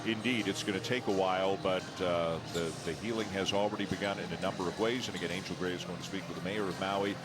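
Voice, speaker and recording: A man's voice: sits low, steady tone, fast, hardly any pauses, over loud music. A man doing live play-by-play basketball commentary as a broadcast announcer. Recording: loud arena noise behind broadcast. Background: basketball game noise, bouncing ball.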